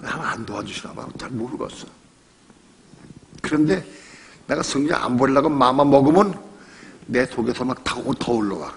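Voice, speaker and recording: An older male pastor preaching in a chatty, storytelling way. He drives each point home by repeating phrases and asking the room rhetorical questions, at an everyday mid pitch. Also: lively intonation, moderate pace, long pauses, a little hiss or hum. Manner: conversational preaching with rhetorical questions and personal stories. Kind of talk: sermon.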